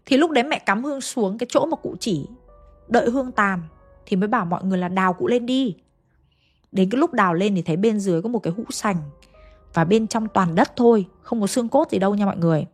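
A woman's voice: mid-range voice, fast talker, darkish tone, breathy edge, faint music behind. A woman narrating a ghost story in a casual, chatty way, speaking directly to her listeners with folksy asides.

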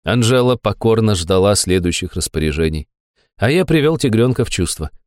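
A man narrating a first-person audiobook with wry, deadpan asides. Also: on the low side, fairly quick, no room sound, clean studio sound.

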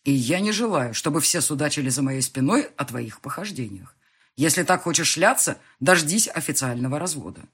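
A woman voicing a cold, jealous husband in an audiobook, curt and stern, in a husky tone. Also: rumbling low, sing-song, normal speed, darkish tone, pitched below the performer's own voice, exaggerated voice. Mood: harsh, accusing.

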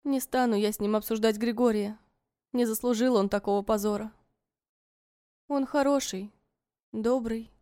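A woman narrating a story in the first person, in a soft, measured and wistful way. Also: fairly high pitch, fairly even intonation, clear, resonant tone, no room sound, clean studio sound.

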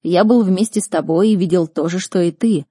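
A woman's voice: on the low side, a little fast, mellow, slightly rough, dry recording. A woman voicing a nervous, slightly mocking young male fire mage in a storybook reading.

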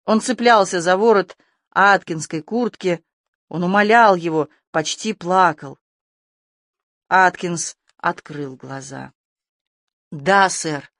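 An audiobook narrator reading a tense adventure story with steady, scripted delivery. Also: mid-range voice, slow, dry recording, studio quality.

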